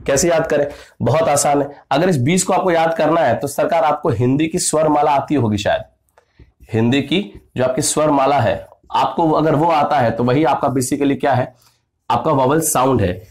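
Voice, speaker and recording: A male teacher giving an exam-prep grammar lesson, lively, asking questions and answering them himself, calling his students "sarkar". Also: a little high, normal speed. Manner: acts out classroom anecdotes.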